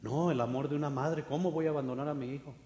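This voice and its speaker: A man voicing a devoted mother who pleads softly over her son, in an echoey church hall. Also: on the high side, fairly even intonation, fast, a little hiss or hum, close to an everyday voice. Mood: pleading.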